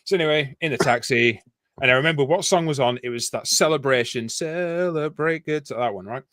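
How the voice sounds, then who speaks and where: A man's voice: fairly high pitch, a little fast, a bit bright, no echo. A man with a Yorkshire accent telling a long, rambling anecdote in casual chat, laughing and swearing often. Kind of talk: casual storytelling.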